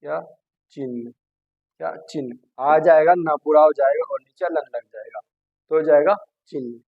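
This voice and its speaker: Husky male teacher, call-and-response drilling. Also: a little high, moderate pace, no echo. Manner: keeps asking "what?" and repeating the answer himself. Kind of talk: Hindi grammar lesson. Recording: dull dry lo-fi sound.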